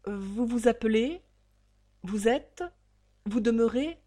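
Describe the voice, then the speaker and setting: A woman voicing a fat, greedy male banker who shouts in breathless panic about losing his money. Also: on the high side, brisk, voice pushed up, lightly acted. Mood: curt.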